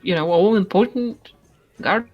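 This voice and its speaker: A woman playing her character in a tabletop game, chatty, hesitant and quick to laugh. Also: medium pitch, highs cut off, soft background music. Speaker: player.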